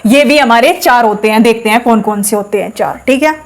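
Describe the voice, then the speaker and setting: Slow, patient woman teaching. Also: a little high. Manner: explains step by step, asks the class questions and answers them herself; says sounds aloud slowly for practice. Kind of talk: classroom lesson.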